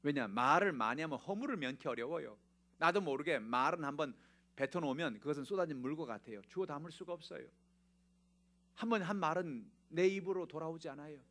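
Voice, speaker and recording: A male pastor preaching a Sunday sermon, swinging from loud exclamations to hushed whispers and calling out hallelujah again and again. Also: on the high side, expressive, a little fast. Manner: punctuates with repeated hallelujahs.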